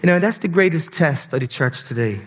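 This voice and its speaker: A male preacher with a Bermudian accent delivers a sermon in a somewhat high-pitched voice. He addresses the congregation directly, and his words ring with the long reverb of a hall. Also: animated, fast. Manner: rhetorical check-in questions to the congregation. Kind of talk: sermon with scripture reading.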